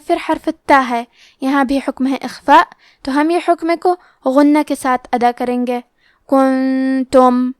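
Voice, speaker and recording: A woman teaching Quran recitation rules, explaining each letter and rule slowly and carefully. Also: high voice, no room sound, clean studio sound. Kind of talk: tajweed lesson explanation.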